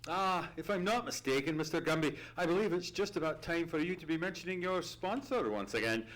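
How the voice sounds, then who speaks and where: An actor playing a courteous gentleman doctor who narrates an old-time radio mystery in a measured, literary, theatrical way. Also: on the high side, animated. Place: live on a theatre stage. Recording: noisy live stage recording, clicks.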